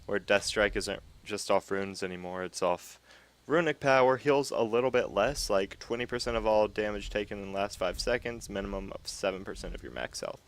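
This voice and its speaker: A man casually commenting on his gameplay, thinking aloud in a relaxed way as he goes. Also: lowish voice, fairly quick. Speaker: gameplay video host.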